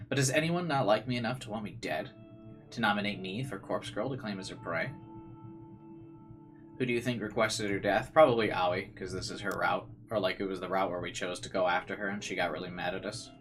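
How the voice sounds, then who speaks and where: With game music in the background, a man dramatically reads out a visual novel's narration while adding offhand remarks. He has a low voice with a fairly bright tone and talks fairly quickly.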